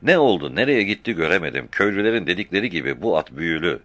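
A man voicing an excitable soldier, a corporal, talking in an eager, agitated way, in an audiobook. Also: low voice, fast talker, dry recording, full character voice. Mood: excited.

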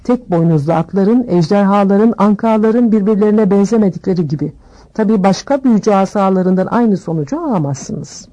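A woman voicing an eccentric old male wandmaker who talks briskly and insistently, sinking to murmurs. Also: mid-range voice, expressive, warm tone, natural voice. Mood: eager.

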